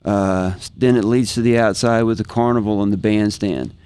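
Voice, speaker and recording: Speaking at normal speed in a lowish, fairly even voice, a professional guitarist from Kansas reminisces as a podcast guest. His American-accented delivery is casual and enthusiastic, with frequent repeated phrases for emphasis. The tone is darkish, clear and resonant, recorded dry.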